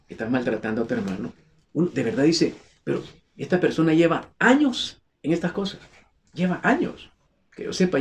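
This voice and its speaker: A man's voice: medium pitch, gravelly, a little mellow, slight background noise. A man preaching a sermon, asking rhetorical questions and acting out quotes in voices.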